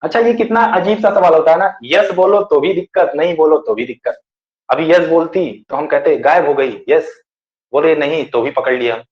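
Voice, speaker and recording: A man teaching a class, dictating notes slowly and asking and answering his own questions. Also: on the high side. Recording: echoey room, dull lo-fi sound.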